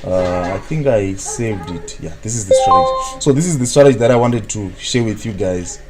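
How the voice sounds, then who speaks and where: Hosting a live trading analysis stream, a man from Zimbabwe, a native Shona speaker with a Zimbabwean accent, responds to viewers' chat at normal speed in a fairly low voice. His talk rambles, and he pads his sentences with "what, what" while music plays in the background.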